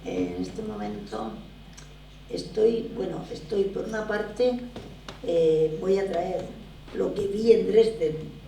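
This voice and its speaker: A woman's voice: mid-range voice, slow pace. An older woman from Barcelona, a theatre producer, telling stories emphatically in an interview. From Barcelona, Spain. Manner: animated, emphatic storytelling. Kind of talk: conversational interview. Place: lecture room at a drama school. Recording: echoey room, voice from far off, faint noise.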